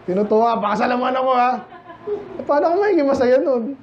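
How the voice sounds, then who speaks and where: A man's voice: very high voice, lively intonation, quick pace, dull audio. A man with a Filipino accent preaching a casual, joking midweek Bible study sermon to his congregation. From Philippines. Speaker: pastor. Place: church.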